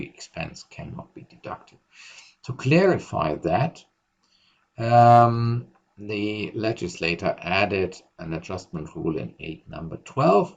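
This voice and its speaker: A man's voice: low-pitched, gravelly, breathy edge. A man lecturing on tax, rambling and thinking aloud with many ums, in a recorded lecture. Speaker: university lecturer. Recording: dull lo-fi recording.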